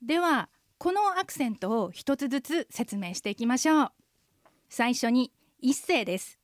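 A middle-aged woman co-hosting a radio language lesson, explaining in a clear, steady teacherly way. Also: high voice, normal speed, no room sound, clean studio sound.

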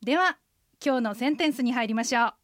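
High-pitched lady teaching pronunciation on the radio, patient and clear, dry close sound. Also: fast, a bit bright, no echo. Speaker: interpreter guide and co-host. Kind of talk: radio language lesson.

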